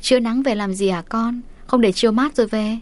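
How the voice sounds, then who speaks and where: A woman's voice: fairly high pitch, brisk, close to an everyday voice. A woman voicing a homely mother who talks in a casual, offhand way.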